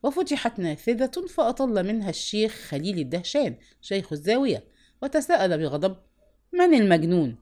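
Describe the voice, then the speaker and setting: A woman narrating a literary novel as an audiobook, with expressive, varied intonation. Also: medium pitch, a little fast.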